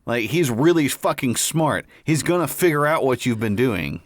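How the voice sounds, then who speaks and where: A man's voice: mid-range voice, lively intonation, normal speed, no echo, clean studio sound. A man co-hosting a podcast, talking in a rambling, profane way with many "like"s. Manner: rambling, frequent "like", laughing, profane. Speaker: podcast co-host. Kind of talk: casual chat.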